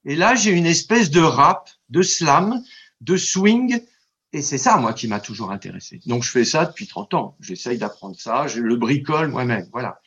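Man, scholarly guest, husky slightly high voice, dull lo-fi sound, rambling and stammering. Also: normal speed. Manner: digressive, stammering restarts, lively demonstrations of recited verse. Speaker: translator and scholar of ancient Greek. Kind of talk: radio interview, explaining at length.

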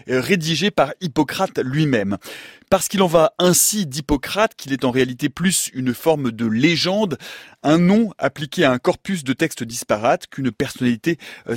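Male radio science presenter, slightly high voice, bookish and wry, very close dry sound over music. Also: dry recording. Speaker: radio science show host. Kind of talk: spoken radio presenting, semi-scripted. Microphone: close studio microphone.

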